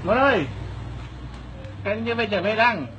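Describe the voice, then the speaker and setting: A man's voice: sits high, moderate pace, dull audio. A man playing a prank on a neighbor, repeating himself and breaking into laughter as he talks. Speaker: prankster asking a neighbor for a wifi password. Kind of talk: hidden-camera prank chat. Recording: noisy background.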